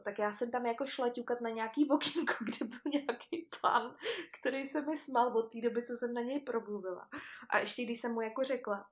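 Chatty young woman, laughing storyteller. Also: fairly high pitch. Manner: chatty, laughs often, many fillers. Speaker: guest. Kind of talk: casual storytelling chat.

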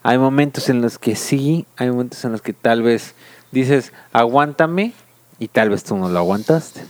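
A man's voice: mid-range voice, a little slow, a little mellow, no echo. A young Mexican man with a Mexican Spanish accent, teasing and mock-interrogating a friend in casual, profane chat. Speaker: podcast co-host.

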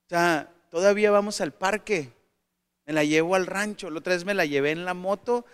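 A man giving a motivational talk to parents, animated and asking the audience questions, with asides and jokes. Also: high voice, normal speed, smooth. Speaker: speaker addressing parents.

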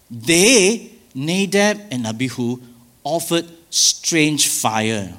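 A man's voice: a little high, fairly bright tone. A male pastor preaching a sermon, emphatic, with rhetorical questions and asides.

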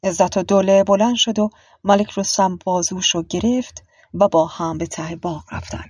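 A woman narrating a literary audiobook in a calm, measured way. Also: mid-range voice, husky, no room sound, studio quality. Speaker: audiobook reader.

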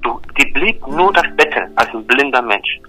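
Emphatic bright-voiced man explaining faith. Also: medium pitch, animated, moderate pace, low-quality recording. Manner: emphatic, repetitive, checks in with "ja?" and "verstehst du?". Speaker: religious explainer. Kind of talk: earnest one-on-one religious explanation.

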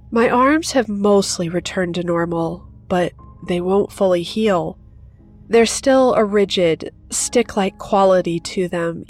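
A woman hosting a horror story channel, narrating in a steady, measured storytelling voice. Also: fairly low pitch.

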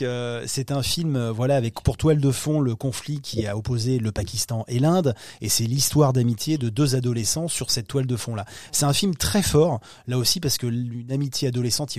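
A man's voice: medium pitch, a little mellow, no echo, clean studio sound. A man talking about upcoming films in a podcast interview, hesitant, with many fillers and restarts. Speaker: film distribution executive.

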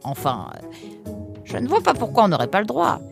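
A woman voicing a large, sly, motherly female fox in an audiobook, talking in a slow, coaxing way. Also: medium pitch, wildly swooping pitch, vocal fry, music in the background. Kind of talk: audiobook character voice.

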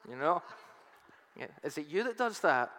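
A man preaches as pastor in a sharp, sing-song voice of fairly high pitch at normal speed, straining with a voice that's almost gone. His delivery is chatty and full of self-mocking humor, and the church hall gives long reverb over faint music.

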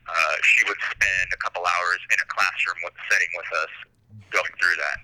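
A man with a low voice is heard over a prison phone line, and his tone is very bright and cutting. He talks in a halting way, full of ums and repeated starts, through a tinny phone connection. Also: fairly even intonation. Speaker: incarcerated student calling in.

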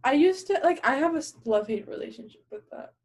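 A woman's voice: high-pitched, expressive, quick pace, darkish tone. A young woman with a slight lisp, co-hosting a casual podcast and chatting in a giggly, rambling way. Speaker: podcast co-host. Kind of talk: casual chat.

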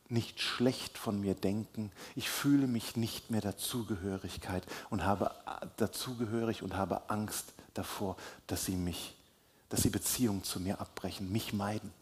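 Slow husky-voiced male preacher. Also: fairly low pitch. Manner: slow, deliberate delivery with emphatic rises and soft drops. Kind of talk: sermon.

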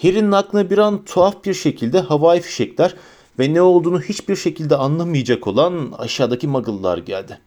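A man narrates an audiobook in an expressive storytelling manner. His voice is a little higher than usual for a man and carries the action along. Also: brisk. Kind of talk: audiobook reading.

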